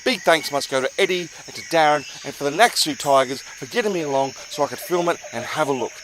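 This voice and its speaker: A man hosting a rugby show, presenting scripted highlights in an upbeat, emphatic showman style. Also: fast, background noise. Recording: music playing behind the voice.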